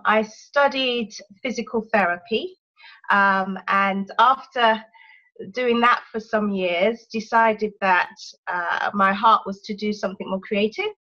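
Woman, podcast guest, slow and easygoing, muffled call line. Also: mid-range voice, fairly bright tone. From London, England. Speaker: podcast guest, life coach. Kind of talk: casual interview chat.

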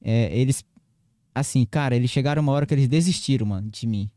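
Fast-talking man. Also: medium pitch, dry recording, studio quality. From Acre, Brazil. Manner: animated, frequent fillers like "cara" and "né". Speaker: podcast guest. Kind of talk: casual storytelling.

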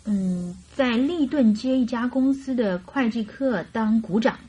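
An actress voices a naive, carefree young bride in a radio drama, open and chatty as she complains and coaxes with girlish animation. She speaks a little high and a little slow, with a breathy edge.

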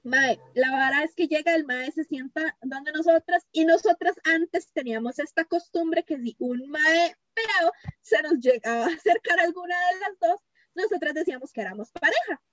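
A young woman with a Costa Rican accent tells a story in a lively, slangy way. Her voice is high. The recording is dry and somewhat muffled. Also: normal speed, no echo. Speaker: co-host. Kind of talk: casual chat storytelling. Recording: dull, dry sound.

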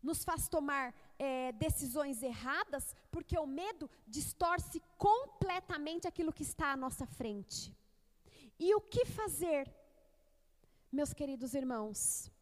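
A woman's voice: sits high, darkish tone. A woman preacher delivering a fervent sermon and reading scripture aloud, speaking directly to her congregation. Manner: fervent, calls on the congregation to repeat. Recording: long reverb of a hall.

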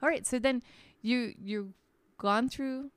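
A middle-aged woman in casual podcast chat, encouraging and quick to laugh. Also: on the high side, smooth, no room sound.

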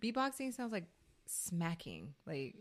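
A woman co-hosting a marriage podcast in casual chat, teasing her husband in a dry, deadpan way. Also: on the low side, a little slow. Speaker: podcast co-host.

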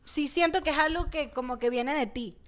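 A woman co-hosting a casual chat, telling animated stories full of slang and English words. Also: high-pitched, normal speed. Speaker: podcast co-host.

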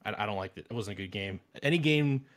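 A man's voice: fairly low pitch, expressive, fast talker. A man in his thirties hosting a casual gaming chat, blunt and opinionated, rambling with restarts. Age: 30s. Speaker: podcast host.

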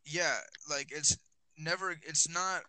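A man's voice: on the high side, steady tone, slow pace, a crowd in the background, poor audio. A teenage boy hosting a casual podcast with friends, rambling with lots of fillers, recorded on a phone. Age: teens. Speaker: podcast host. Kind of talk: casual chat.

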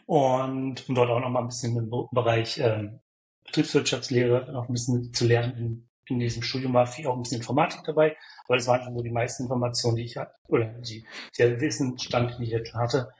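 A man's voice: medium pitch, fairly even intonation, brisk, darkish tone, rough recording. A man from Berlin, a guest on a podcast, answering questions hesitantly with many fillers and restarts. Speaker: podcast guest, software developer. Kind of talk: interview answers.

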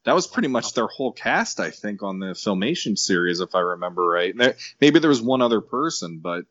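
A man chatting on a podcast in an animated, rambling way, acting out quotes. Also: lowish voice, a little fast, dry recording. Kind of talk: casual podcast chat. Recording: dull lo-fi dry sound.

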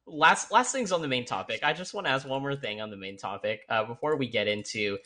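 Guy hosting a podcast, bright sharp voice, upbeat and chatty. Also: medium pitch, expressive, brisk. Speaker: podcast host. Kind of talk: casual podcast chat.

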